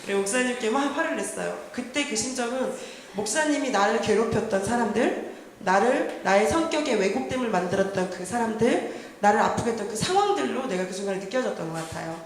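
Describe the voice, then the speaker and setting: A woman testifies before a church congregation, her fairly high voice heartfelt and earnest as she tells her story, at times quieting down. The sound fills a large echoing sanctuary with a long reverb tail. A faint hum of noise sits behind her. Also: animated, fairly quick. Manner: earnest, heartfelt storytelling, often dropping to soft tones. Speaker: worship leader giving testimony. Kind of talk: personal testimony sermon. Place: church sanctuary during a Wednesday service. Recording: echoey church hall, faint background noise.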